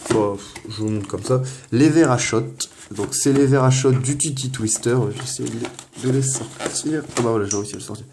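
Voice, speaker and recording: A man's voice: mid-range voice, a little fast, few pauses, a little mellow, slight background noise. A young man, casually narrating an unboxing at home, hesitant and full of fillers and restarts. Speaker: unboxing vlogger.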